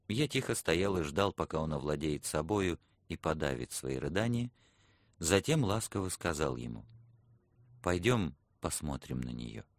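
A man narrating a novel in a steady, unhurried reading voice. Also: deep voice, no room sound, clean studio sound. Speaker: audiobook narrator. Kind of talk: scripted literary narration.

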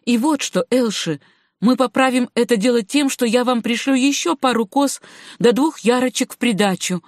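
Storybook role: woman playing a chatty, folksy young farmer, fairly high voice. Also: normal speed, no room sound, studio quality, natural voice. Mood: apologetic. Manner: talkative, apologetic, folksy. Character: good-natured young male farmer and hunter, chatty. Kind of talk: audiobook reading.

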